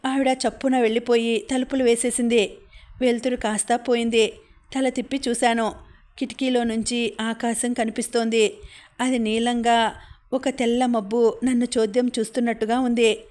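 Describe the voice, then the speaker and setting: A woman's voice: fairly high pitch, flat delivery, normal speed, a little mellow. A woman narrating a novel in the first person, reading steadily for an audiobook. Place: home recording.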